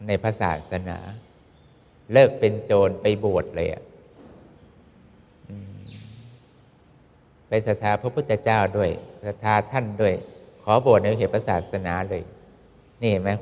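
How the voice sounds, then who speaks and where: A man giving a Buddhist sermon in a calm, measured way, speaking straight to his listeners. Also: fairly low pitch. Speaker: Buddhist preacher. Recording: long hall reverb.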